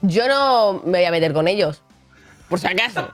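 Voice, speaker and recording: A woman's voice: on the low side, animated, moderate pace, soft background music. A woman with a Spain Spanish accent co-hosting a casual chat show in a wry, self-deprecating manner. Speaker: podcast co-host.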